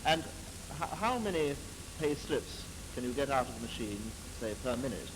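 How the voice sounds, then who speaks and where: A man's voice: mid-range voice, big pitch swings. British man interviewing on an old newsreel. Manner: polite, measured questioning. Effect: old newsreel sound. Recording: hissy 1950s newsreel soundtrack.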